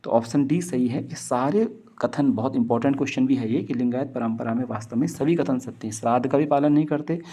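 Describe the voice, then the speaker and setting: Man, teacher, mellow warm voice, reads quiz options, explains answers. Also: medium pitch, a little fast. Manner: reads each question and options, then explains the answer with repetition; mixes in English words and phrases. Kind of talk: exam question walkthrough.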